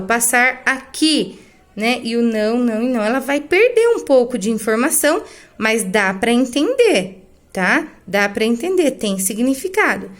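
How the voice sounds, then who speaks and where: A woman teacher records an online grammar lesson, her voice sitting a little high. She explains each point slowly and keeps checking in with her class. She talks while writing on a board. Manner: writes on a board while talking. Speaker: schoolteacher.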